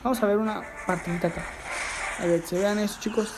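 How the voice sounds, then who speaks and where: A man hosting a live gameplay stream, chatting excitedly and reading viewer messages aloud. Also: sits high, fairly quick. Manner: excitable, reads viewer chat aloud, shouts at the game. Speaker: livestreaming gamer host. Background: game music.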